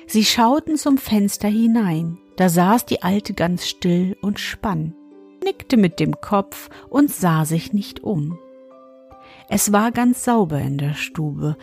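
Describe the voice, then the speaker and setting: A woman reading a fairy tale aloud in a calm, measured storytelling manner. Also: medium pitch.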